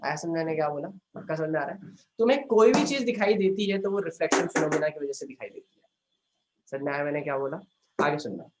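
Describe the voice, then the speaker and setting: A young man teaching a recorded online science class, stressing key words slowly and often asking students whether they understood. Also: high voice, a bit bright. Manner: emphatic, drawn-out key words. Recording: echoey room.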